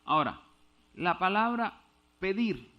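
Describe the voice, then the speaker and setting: A man's voice: high voice, very animated, slow, muffled recording. A male preacher teaching a Bible passage in a church, explaining step by step, checking whether he is understood and stumbling over Greek words.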